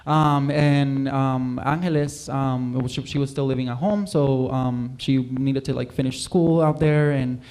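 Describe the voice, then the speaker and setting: A man's voice: medium pitch, steady tone, measured pace, hardly any pauses, a little mellow, clear, resonant tone. A young man from Puerto Rico, a singer, chatting casually as a guest in a livestream interview, rambling with many fillers. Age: young adult.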